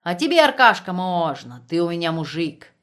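Woman voicing a brisk village mother, outspoken, scolding, lively, raised voice. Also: on the low side. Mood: merry.

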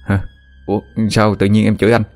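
A man's voice: lowish voice, level tone, a little fast, a little mellow, lightly acted. A man voicing a flustered, earnest young man who pleads and explains. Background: faint background music.

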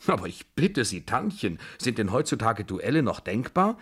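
A man's voice: fairly low pitch, animated, moderate pace. A man reading aloud and voicing a condescending general who speaks with haughty familiarity. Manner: haughty and patronizing. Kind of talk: radio drama reading.

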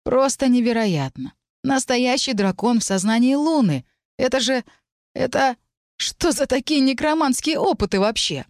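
A woman voicing an excitable young man who reacts with loud astonishment. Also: high voice, normal speed, dry recording, clean studio sound, pitched above the performer's own voice. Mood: amazed. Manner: exclamatory, astonished.

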